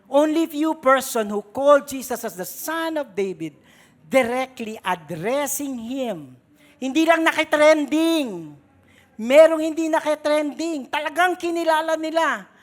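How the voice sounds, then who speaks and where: A woman's voice: high-pitched, lively intonation, a little slow. A woman pastor with a Filipino accent preaching a sermon dramatically in a mix of Tagalog and English.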